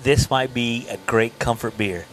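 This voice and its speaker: A man's voice: mid-range voice, measured pace, a crowd in the background. A man hosting a casual podcast, talking food with enthusiasm, recorded outdoors in a backyard hot tub. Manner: enthusiastic, food-loving talker. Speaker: podcast host. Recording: backyard recording with clear noise.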